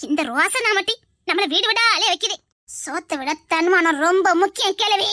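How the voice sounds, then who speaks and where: Girl playing a proud defiant young woman, tirunelveli tamil accent, super high voice. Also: normal speed, bright, forceful tone. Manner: earnest, defiant. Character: proud young woman defending her dignity.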